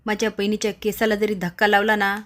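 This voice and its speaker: A woman's voice: mid-range voice, completely flat delivery, quick pace, natural voice. A woman voicing an anxious, angry man searching hard for his missing sister. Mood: worried, insistent. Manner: shouting, insistent.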